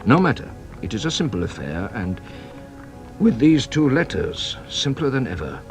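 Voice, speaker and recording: Playing a shrewd, playful French police inspector in a British radio drama, a male actor adopts a French accent and a teasing, theatrical manner. His medium-pitched voice swings widely in pitch at a moderate pace, his mood brisk and probing, over soft background music.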